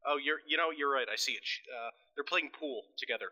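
A man's voice: medium pitch, fast, pushed and bright, dull audio. A man playing a tabletop role-play game, joking with the other players.

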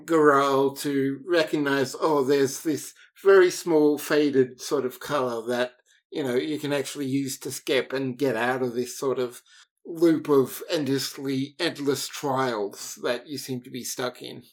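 Male game master for a sci-fi tabletop game; slow, hesitant delivery with many pauses. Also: mid-range voice, fairly even intonation. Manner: halting, thinking aloud with fillers.

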